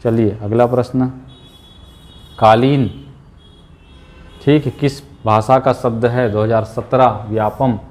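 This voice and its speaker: A man's voice: mid-range voice, fairly even intonation, slow pace, pauses often, a little mellow. A man teaching an exam-prep lesson, repeating key words and checking in often with his students.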